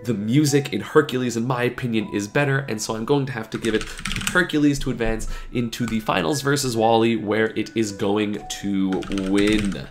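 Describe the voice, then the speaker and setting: Faint music plays behind a young gaming YouTuber with a lowish voice who chats at normal speed in a casual opinion vlog. Sniffling and a bit sick, he rambles to camera, packing his talk with fillers.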